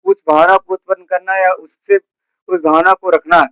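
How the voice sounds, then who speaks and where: Man teaching a class, higher-pitched voice, dry close sound, asks and answers his own questions, repeats key terms slowly. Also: flat delivery, fairly bright tone, clean tone, dry recording, rough recording. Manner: repeats key terms slowly, with a filler word after each point. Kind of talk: classroom lecture.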